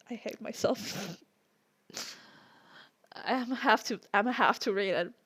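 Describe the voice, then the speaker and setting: A woman's voice: mid-range voice, slow, fairly bright tone, breathy edge. A woman streamer chatting casually and reading aloud, laughing often and mocking herself.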